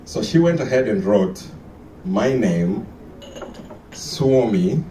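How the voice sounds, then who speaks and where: A man's voice: lowish voice, animated, slow, mellow, roomy sound, recorded from a distance, a little hiss or hum. A man from Kenya performing a stand-up comedy set, telling stories and acting out the dialogue. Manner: storytelling, acts out dialogue with shifting voices. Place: live comedy venue with audience.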